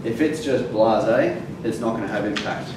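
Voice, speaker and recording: A male fitness educator lectures a class at normal speed in a lowish voice, emphatically punching key words and using frequent fillers. He is recorded from far off in a very echoey, noisy room.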